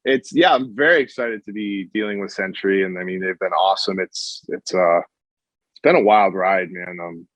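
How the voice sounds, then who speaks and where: Low-ish voiced guy from massachusetts on a muffled flip phone line, chill, laughs a lot. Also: normal speed, fairly bright tone, no room sound. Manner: easygoing, laughs often, repeats words as he restarts. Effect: heard over a flip phone call. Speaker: metal band member, interview guest. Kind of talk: casual chat.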